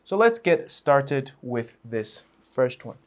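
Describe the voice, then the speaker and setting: A man's voice: mid-range voice, sing-song, slow. A man teaching a chemistry revision lesson in a playful, chatty way, with asides and small laughs.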